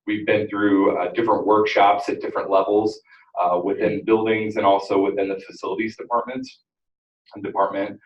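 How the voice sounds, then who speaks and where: At a school board meeting, a man presenting an energy audit talks in a very low voice that he himself calls very loud, animated and at a moderate pace. His presentation is loose and rambling, packed with fillers and restarts. A room microphone some distance away catches him in the echoey board room, with the highs cut off.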